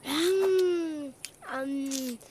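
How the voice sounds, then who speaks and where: An actress voicing Trotro, a playful, cheeky little male donkey in a children's cartoon, talking in a sing-song way. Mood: delighted. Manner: high, sing-song child voice, slow and clear. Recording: music playing behind.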